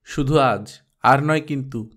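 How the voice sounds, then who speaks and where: A man's voice: medium pitch, takes it slowly, fairly bright tone. A man voicing a fond, chiding mother. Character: affectionate scolding mother, middle-aged woman. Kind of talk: audiobook character voice.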